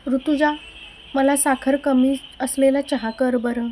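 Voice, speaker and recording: A woman voicing a wise older father-in-law giving gentle advice in a story. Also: sits high, fairly even intonation, slow, slight background noise.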